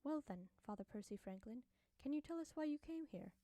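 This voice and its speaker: A woman narrator voicing a poised, coolly mocking young wife with a bright, lilting voice. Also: sits high, lively intonation, a little fast, dry recording, pitched above the performer's own voice. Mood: mocking gaiety.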